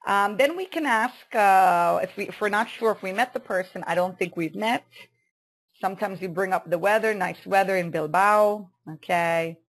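A woman teaching an online English lesson, saying vocabulary slowly and carefully and saying "okay" often. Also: medium pitch. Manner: slow, careful pronunciation drills with many "okay"s.

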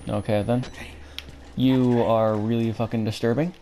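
Uneasy, mellow-voiced male horror game streamer. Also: mid-range voice, flat delivery, a little slow. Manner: muttering to himself and to game characters, sweary. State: dry throat. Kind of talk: casual horror game playthrough commentary. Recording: faint background game ambience noise.

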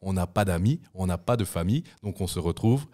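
A man's voice: sits low, lively intonation, brisk, dark tone. A young man co-hosting a casual podcast in a studio, joking around and breaking into bits of song. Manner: playful, breaks into snatches of song. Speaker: podcast co-host.

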